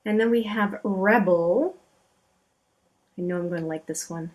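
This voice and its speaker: A woman hosting a beauty channel, talking casually as she swatches eyeshadows, chatty and admiring, often trailing off into quiet asides. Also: mid-range voice, a little slow.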